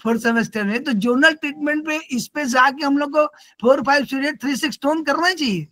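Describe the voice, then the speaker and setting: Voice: high voice, fairly quick, fairly bright tone, no echo. Student arguing a point, dry sound. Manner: objects politely, argues a point. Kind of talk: discussing a point in class.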